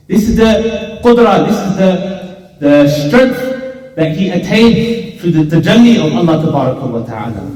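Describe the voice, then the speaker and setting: A man preaches as imam in a fairly high voice, leaning hard on repeated phrases. His words echo through a mosque hall with a long, ringing reverb, picked up from far across the room. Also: darkish tone. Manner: emphatic, repeats phrases for stress. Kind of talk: Friday sermon.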